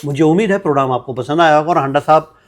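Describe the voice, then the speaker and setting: A man's voice: on the high side, racing. A man with a slightly raised voice hosts a promotional interview. He keeps things upbeat, repeats his guest's answers and pushes the talk along with questions.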